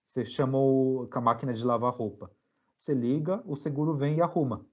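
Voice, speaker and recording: A young Brazilian man, a podcast guest, telling a story in a relaxed, slangy way with many fillers. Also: mid-range voice, fairly quick, dull audio. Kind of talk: casual storytelling interview.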